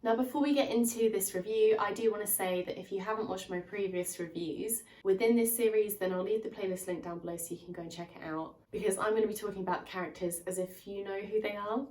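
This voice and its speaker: Her mid-range voice is a little mellow and fairly even in intonation, and she talks fast with hardly any pauses; the audio is poor, reverberant, and recorded from afar. A channel host with a lingering cold that leaves her slightly nasal and stuffy, she reviews a book for her viewers in a chatty, spoiler-heavy way. Plot recaps come peppered with "um" and "kind of."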